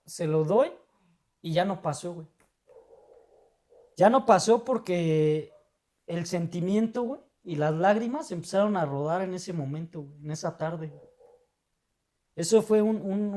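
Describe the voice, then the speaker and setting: High-voiced Mexican man telling his story. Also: expressive, measured pace, long pauses, a little mellow. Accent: Mexican Spanish. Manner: emotional, slangy, fills every phrase with a tag word. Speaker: guest. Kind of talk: casual personal storytelling.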